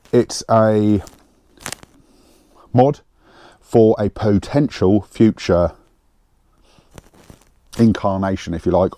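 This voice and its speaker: Wearing a lapel mic in his home garage, a man who vlogs about mechanics tinkers with an engine and talks loosely, filling gaps with ums as he thinks out loud. He has a warm, medium-pitched voice, and there's slight background noise.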